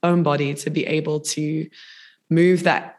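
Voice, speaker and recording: A woman's voice: deep voice, level tone, a little slow, a little mellow. A woman guest on a podcast, talking casually and effusively, often repeating words as she searches for them.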